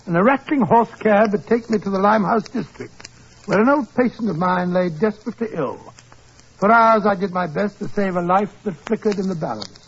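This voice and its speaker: A man's voice: high voice, a little hiss or hum. An actor playing a genial older English doctor recounting his adventures in a dramatic, avuncular British storytelling style for 1940s radio drama. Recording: muffled 1940s radio recording with music behind.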